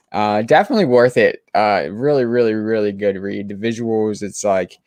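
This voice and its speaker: A man's voice: on the low side, darkish tone, dry recording, clean studio sound. A man co-hosting a comic book chat show, talking casually and enthusiastically with lots of restarts and fillers.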